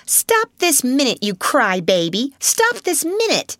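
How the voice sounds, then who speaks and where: A woman's voice: mid-range voice, sing-song, unhurried, no room sound, pitched above the performer's own voice. A woman voicing a haughty, spiteful schoolgirl bully with a sneering, commanding manner in a storybook.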